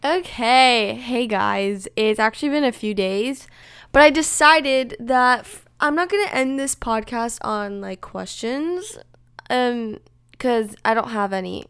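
A young adult woman with a high-pitched Valley Girl voice, chatting casually as a solo podcast host and peppering her talk with filler words. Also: slow, a bit bright, clean tone, no echo, studio quality.

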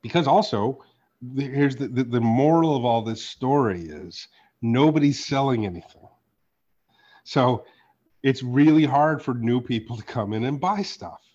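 A man talking on a casual podcast, animated and quick to curse, jumping from loud bursts to mumbled asides. His voice is a little husky. The recording sounds slightly dull and lo-fi. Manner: animated, profane, swings from loud outbursts to low asides. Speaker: podcast host and card artist.

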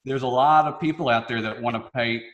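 A man's voice: medium pitch, fairly quick, fairly bright tone, dull audio. A youngish man from Memphis with a Southern hillbilly twang, telling stories casually as an interview guest in a folksy, joking, informal way. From Memphis, southern United States. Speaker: podcast guest, real estate investor. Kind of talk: casual anecdotal interview talk. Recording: roomy, echoey sound.

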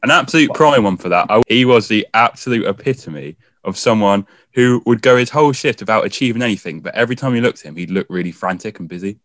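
A young man from England with a fairly low voice, chatting casually and making dry, wry remarks. The recording is very dry and close, with almost no room sound. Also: animated, fast, hardly any pauses, a bit bright, no room sound. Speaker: podcast guest. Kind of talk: casual chat.

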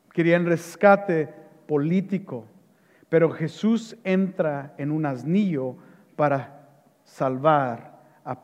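A man preaching a sermon as a pastor, swinging between loud exclamations and hushed, low phrases. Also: big-room sound.

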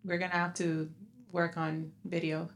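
A woman's voice: lowish voice, monotone, normal speed. A woman hosting a casual podcast interview, affirming her guest and laughing easily. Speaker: podcast host.

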